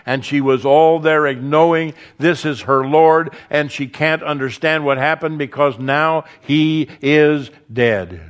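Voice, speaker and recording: A man preaching a sermon, earnest, building emphasis through repetition and dropping softly on key words. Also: on the high side, slow pace, hardly any pauses, clear, resonant tone.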